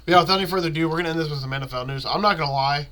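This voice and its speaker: A man with a slightly high, sharp-toned voice talks rapid-fire while hosting a casual solo sports podcast despite being sick. He sounds stuffed up, with a blocked nose and a phlegmy throat, and his delivery rambles and is full of slang.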